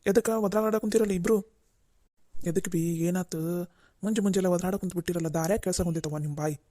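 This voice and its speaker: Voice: medium pitch, fairly even intonation, fairly quick, dark tone, no echo, close to an everyday voice. A voice actor playing an exasperated village husband in a cartoon, in a North Karnataka Kannada accent. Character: village husband and son caught in the middle. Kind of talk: cartoon voice acting.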